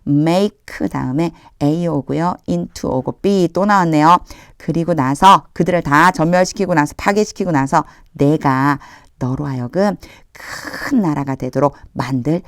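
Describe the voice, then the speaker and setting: A woman's voice: low voice, unhurried, dry recording, studio quality. A woman teaching English through Bible verses, explaining each line in a chatty, encouraging way. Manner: chatty, encouraging, often opens lines with "자".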